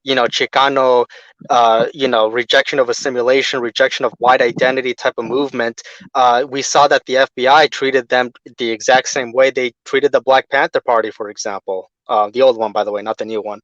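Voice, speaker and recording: A man's voice: medium pitch, fairly even intonation, fairly quick, fairly bright tone, no room sound. A man on a video call that keeps breaking up, joining a casual group discussion and building on what others say. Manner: agreeable, builds on others' points. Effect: video call audio that breaks up. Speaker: panel guest. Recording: dull, dry video call audio.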